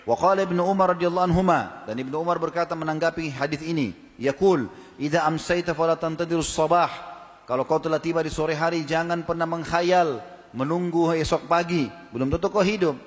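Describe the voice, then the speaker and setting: An emphatic male preacher addresses a gathered audience, pressing them with rhetorical questions. His voice sits fairly high for a man. The sermon rings through a large, reverberant hall. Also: fairly quick.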